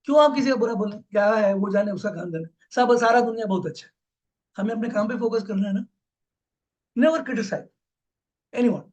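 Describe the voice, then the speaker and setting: A man's voice: high-pitched, moderate pace, long pauses, darkish tone. A man with an Indian accent giving a motivational business talk, emphatic and repetitive, often dropping into English phrases. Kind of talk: motivational speech.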